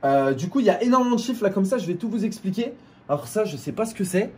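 A man's voice: sits high, animated, fast talker, breathy edge. A man from France, a YouTuber co-host, casually explaining things to his viewers with many restarts and fillers.

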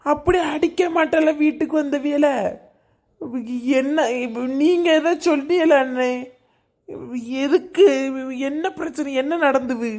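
A woman's voice: high-pitched, takes it slowly, pauses often, darkish tone. A woman voicing an exasperated, scolding middle-aged husband and father, in a cartoon.

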